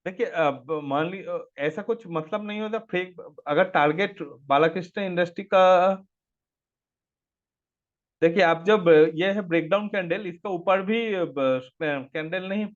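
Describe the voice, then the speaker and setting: A man's voice: sits high, slow pace, muffled recording. A man teaching a live online class on stock trading. He explains each step and reads chart figures aloud, and he asks his audience to work out answers. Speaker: stock market trainer.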